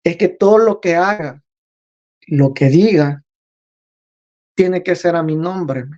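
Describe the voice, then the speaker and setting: A man voicing a gentle, calm divine father figure, speaking very slowly and softly. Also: fairly high pitch, muffled recording. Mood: solemn. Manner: very slow, soft, solemn.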